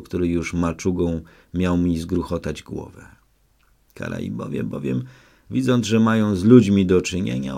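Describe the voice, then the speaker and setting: A man narrates an adventure novel as an audiobook in the first person. His voice is very low and carries a gravelly fry. He reads in a measured, dramatic way. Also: a little mellow.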